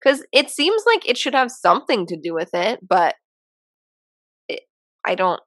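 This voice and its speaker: A podcast co-host chats casually about a TV episode in a medium-pitched, very animated, slightly bright voice with no echo. She speculates as she thinks, speaking haltingly and restarting her sentences often.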